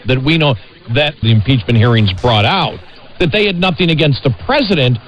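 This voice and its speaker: A man's voice: medium pitch, a little fast, muffled recording. An American man co-hosting a conversational political talk radio show, insistent and repeating phrases for emphasis. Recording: noisy radio broadcast sound.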